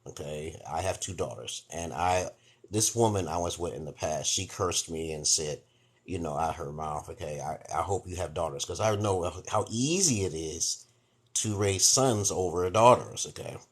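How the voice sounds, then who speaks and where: New York man in his forties, very low voice, rambling livestream host giving advice, keeps asking "okay?". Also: moderate pace, slightly rough. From Brooklyn, New York, USA. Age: 40s. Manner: rambling, repeats "okay?" often. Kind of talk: casual livestream monologue.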